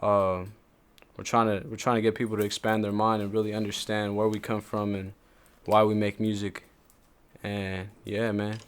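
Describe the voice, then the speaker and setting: A man's voice: lowish voice, little pitch movement, normal speed, clean tone. A man in his twenties, a rapper from Salt Lake City, chatting in a laid-back, slangy way with lots of fillers. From Salt Lake City, Utah. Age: 20s. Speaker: rapper, interviewee. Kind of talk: casual chat.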